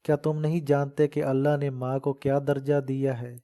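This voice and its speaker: A man's voice: medium pitch, level tone, dark tone, lightly acted. A man voicing a fierce, protective old village mother in a dramatic audiobook reading, talking fervently and scolding. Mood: fierce defiance.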